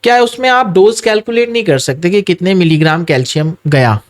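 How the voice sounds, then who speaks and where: Measured male surgeon. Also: sits high, lively intonation. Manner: measured, advising, mixes English phrases. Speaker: orthopedic surgeon guest. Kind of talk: explanatory interview talk.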